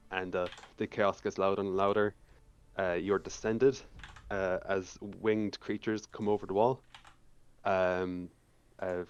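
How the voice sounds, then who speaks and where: A deep-voiced man narrates a tabletop game as game master, stopping for ums and uhs. The audio is a little dull, with soft music playing behind. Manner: halting, many ums and uhs.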